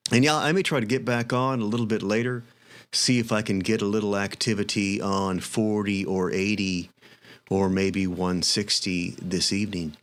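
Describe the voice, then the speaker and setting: A man's voice: on the low side, steady tone, normal speed. A man speaking as an amateur radio operator, casually making and calling for contacts. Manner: spells call signs in phonetic alphabet.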